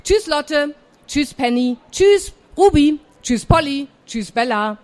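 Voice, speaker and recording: A woman's voice: high-pitched, animated, slow pace, a little mellow, voice pushed up. A woman reading aloud and voicing a cheeky eight-year-old farm girl who talks back, in a raised voice. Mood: wistful.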